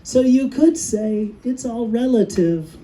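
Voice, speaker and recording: A middle-aged man performing a stand-up comedy set on stage, telling dry stories and pausing for laughs. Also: extremely high pitch, noisy background. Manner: dry storytelling with pauses for laughs. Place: comedy stage with a live audience.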